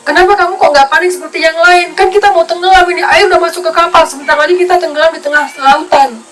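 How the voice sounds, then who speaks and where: A man voicing a panicking young wife on a sinking ship, with a shrill, pleading delivery. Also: brisk.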